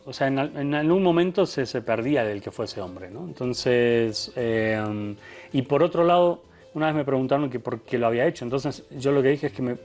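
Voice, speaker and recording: An Argentine photographer, guest in a conversational interview, speaks with a softened, faded accent. His voice is medium in pitch with a darkish tone, and he's thoughtful and reflective, often restarting sentences and adding tag questions.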